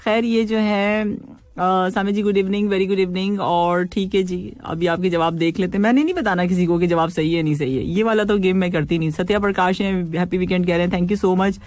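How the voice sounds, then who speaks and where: A woman's voice: lowish voice, fairly even intonation, fairly quick, darkish tone, no room sound. A woman hosting a radio call-in show, reading listeners' messages and teasing them playfully, laughing often. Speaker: radio host.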